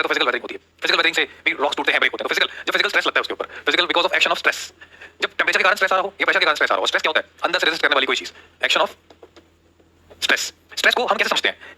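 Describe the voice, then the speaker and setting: A male teacher lecturing at a breakneck pace in a sharp, bright voice. He quizzes his viewers with questions, answers them himself and drills the key terms again and again, while urging everyone to get their notes down. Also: fairly high pitch. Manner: asks rhetorical questions and repeats the answers. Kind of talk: live online class lecture.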